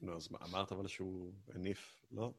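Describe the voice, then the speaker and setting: Joking male player, lower voice. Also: steady tone. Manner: joking, questioning the rules. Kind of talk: casual tabletop game chat.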